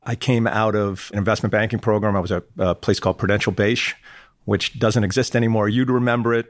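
A man's voice: fairly low pitch, fairly even intonation, fairly quick, no echo. A middle-aged or older man giving conversational answers as an executive guest in an interview.

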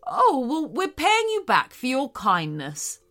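A woman's voice: high-pitched, huge pitch swings, takes it slowly, a bit bright, soft background music, full character voice. Woman doing a kind, proud talking rabbit. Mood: friendly.

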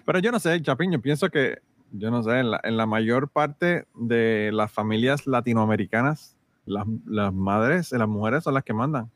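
A man's voice: mid-range voice, dry recording. Podcast co-host, man, jokey and rambling; dry, no room sound. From Puerto Rico. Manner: joking, rambling, drawn-out asides. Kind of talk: casual podcast banter.

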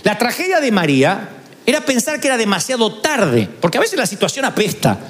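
A man's voice: high-pitched, wildly swooping pitch, fairly quick, a bit bright. A man preaching a sermon, telling stories with humorous asides.

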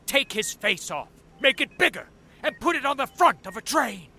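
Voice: high-pitched, very animated, moderate pace, bright, forceful tone, soft background music, heavily acted. An actor playing a distraught, stubborn British railway boss in a cartoon, pleading melodramatically. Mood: insistent. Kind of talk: melodramatic animated comedy acting.

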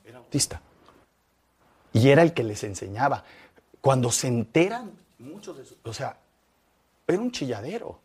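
A man, a magician guest in an interview, telling anecdotes with lively swings between excitement and quiet reflection. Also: medium pitch, moderate pace, long pauses, husky. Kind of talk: animated storytelling in interview.

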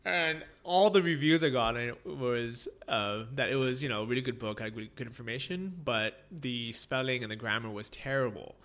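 Hosting a casual interview on his podcast, an American man rambles along with many fillers and laughs often. He speaks at a medium pitch and moderate pace, with few pauses and a slightly bright tone.

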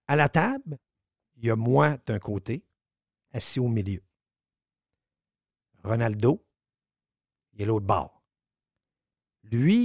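A man with a Quebec French accent telling a story on the radio, animated, swearing and acting out the dialogue. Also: medium pitch, dry recording, clean studio sound.

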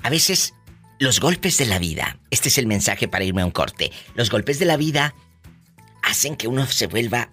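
A man's voice: medium pitch, very animated, moderate pace, sharp tone, slightly rough, soft background music. A man with a Mexican accent hosting a radio talk show, teasing and theatrical, with playful exclamations.

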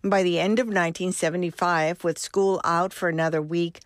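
Cuban lady in her 60s reading her memoir, lowish voice, dry close sound. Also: fairly even intonation, moderate pace, dry recording. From Cuba. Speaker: host and storyteller.

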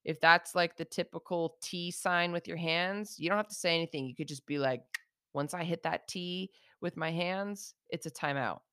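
A woman with a low, smooth, resonant voice hosts a casual advice podcast on communication. She talks directly and uses slang, slowing down to spell out example phrases. The recording is close and dry. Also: pushed and bright, no room sound. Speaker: podcast host teaching communication skills.

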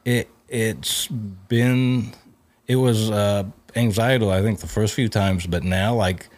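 Comedian guest, man, very low voice, thoughtful and halting in casual podcast chat. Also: fairly even intonation, a little mellow, no room sound. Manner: reflective, searching for words.

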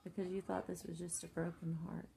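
Gravelly-voiced mother, gentle and encouraging. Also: lowish voice, little pitch movement, a little fast, a little hiss or hum. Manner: earnest, speaks of faith and prayer. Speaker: mother talking with her son. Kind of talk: casual heart-to-heart chat.

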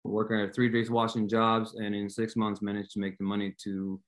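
A man's voice: fairly low pitch, monotone, a little fast. A man in his thirties from Argentina, a team owner and guest, talking eagerly and earnestly with many restarts. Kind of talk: casual interview talk.

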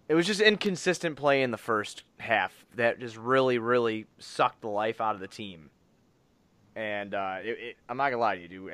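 A man hosts a casual sports podcast. He talks bluntly in slang with plenty of swearing, at an average pitch, in a very dry recording. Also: pushed and bright, clear, resonant tone, no room sound. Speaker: podcast host.

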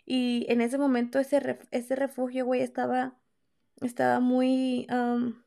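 A young woman with a Mexican accent, her high voice creaky and dark and her delivery completely flat, speaks unhurriedly. She's a podcast host telling a personal story in candid, slangy, profane casual chat, acting out quoted lines.

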